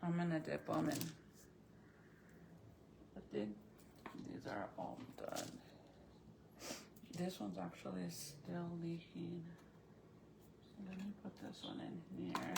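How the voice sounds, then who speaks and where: A woman's voice: lowish voice, sing-song, slow pace, gravelly, pauses often, noisy background. A woman chatting casually and informally to viewers as a vlogger, thinking aloud in a rambling way, her speech slightly impeded by a retainer in her mouth. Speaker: vlogger showing crafts and baking.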